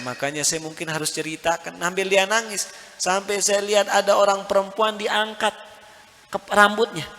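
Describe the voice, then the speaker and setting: A man's voice: high-pitched, sharp tone. Emphatic male preacher in an echoey hall. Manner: emphatic, rises sharply, asks the crowd rhetorical questions. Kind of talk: mosque sermon. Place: mosque hall.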